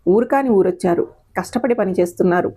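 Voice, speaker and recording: A woman voicing a gentle older mother who speaks softly and tries to persuade in an audio story. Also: medium pitch, fast talker, slightly rough, natural voice. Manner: soft, coaxing.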